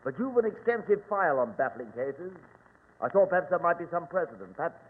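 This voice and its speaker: Blustering Inspector Lestrade, animated. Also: male voice, a little high, breathy edge. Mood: exasperated, worried. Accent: English. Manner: blustering, emphatic, halting repetitions. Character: flustered, officious English police inspector, earnest and insistent. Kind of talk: old-time radio drama acting. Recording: tinny, noisy, reverberant old radio recording.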